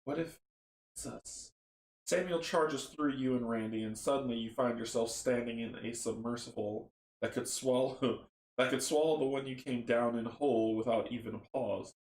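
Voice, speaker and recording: A man casually chatting and reading a horror board game story aloud, relaxed and rambling. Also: medium pitch, normal speed, a little hiss or hum. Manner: relaxed, rambling, laughs at own slips. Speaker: tabletop game player and narrator. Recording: roomy echo.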